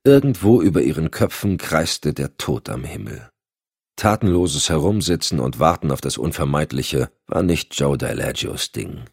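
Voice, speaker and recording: Low husky male narrator. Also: animated, moderate pace, dry recording, clean studio sound. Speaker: audiobook narrator. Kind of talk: scripted narration.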